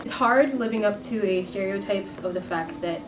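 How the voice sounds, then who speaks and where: A woman's voice: medium pitch, normal speed, over music. A woman speaks in a plain, conversational way. She is recorded in an echoey room, some distance from the mic. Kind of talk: interview.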